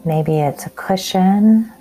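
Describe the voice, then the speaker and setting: A woman hosting a podcast leads a calm grounding exercise in a gentle, unhurried, instructional manner. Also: fairly low pitch, faint music behind, low-quality recording. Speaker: podcast host and mindfulness guide.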